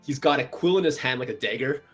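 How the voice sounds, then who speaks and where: A man improvising narration as a tabletop game master, describing scenes in a halting way as he searches for words. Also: mid-range voice, animated, loud music behind the voice.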